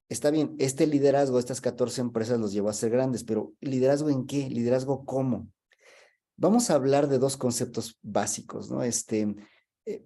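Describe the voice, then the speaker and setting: A man speaks as a guest in a webinar on leadership. He explains at length and tells stories, and he pauses on the filler "este". His voice sits at an average pitch and has a warm, mellow tone. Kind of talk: webinar talk.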